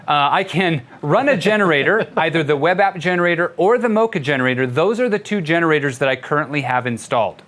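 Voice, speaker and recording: A somewhat high-voiced older man leads a live coding lesson. He explains each step casually and chuckles along the way. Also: animated, fast talker, hardly any pauses, fairly bright tone. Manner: playful, chuckling while demonstrating. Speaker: instructor.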